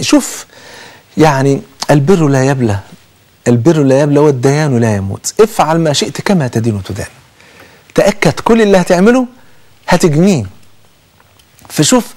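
A man with an Egyptian accent giving a conversational sermon, telling stories in an animated way and swearing oaths often. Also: on the high side. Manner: animated storytelling with frequent oaths. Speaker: preacher.

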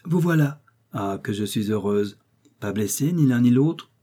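A man's voice: medium pitch, expressive, unhurried, mellow, slightly rough. A man voicing a determined young woman from a storybook who speaks with cold, insistent resolve. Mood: joyful relief. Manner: firm, insistent pleading.

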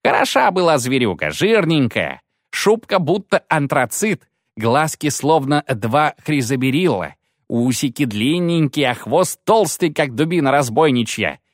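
A man's voice: a little high, very animated, measured pace, dry recording, studio quality, voice pushed up. A man voicing a genial gnome who talks in a fond, chatty way.

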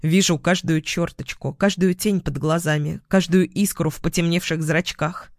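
Higher-voiced man reading a story. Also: fairly even intonation, normal speed, dry recording, clean studio sound. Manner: clipped, terse sentences. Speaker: narrator. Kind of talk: scripted first-person story reading.

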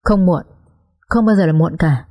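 A woman reading the lines of a gentle, injured young husband who speaks softly and briefly. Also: lowish voice, measured pace. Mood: tender. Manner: soft, quiet, few words.

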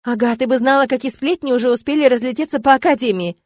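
A woman's voice: high-pitched, fast, no room sound, studio quality, voice pushed up, close to an everyday voice. A woman voicing a curious, gossipy young female student.

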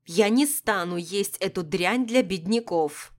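A woman voicing a haughty, capricious, sickly old empress who bursts out loudly and scornfully. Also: lowish voice, expressive, moderate pace. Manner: loud, scornful outbursts.

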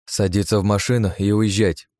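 A man's voice: on the low side, little pitch movement, fairly quick, darkish tone, dry recording, lightly acted. A man voicing a tough, cocky young woman captain in an audiobook, giving clipped commands. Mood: cool.

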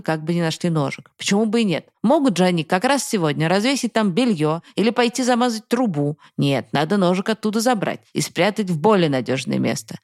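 A podcast co-host reading a story aloud in a calm, measured way. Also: medium pitch, no room sound, studio quality.

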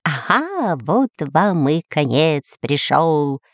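A woman voicing a sneaky male parrot villain in a children's storybook reading, with squawking, gloating shouts. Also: low voice, very animated, drawn-out words, dry recording, clean studio sound, exaggerated voice.

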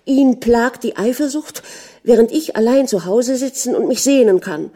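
A woman's voice: mid-range voice, moderate pace, warm tone, pitched above the performer's own voice, natural voice. A woman voicing a young wife who pleads with her jealous husband and rails against him in a storybook reading. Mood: indignant. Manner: pleading, then indignant. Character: young wife, hurt and indignant.

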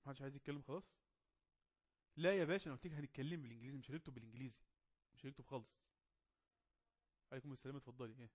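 A man with an Egyptian Arabic accent running an online English class, coaxing and teasing quiet students to speak up. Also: mid-range voice, fairly even intonation, very fast, muffled recording. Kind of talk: casual online class moderation.

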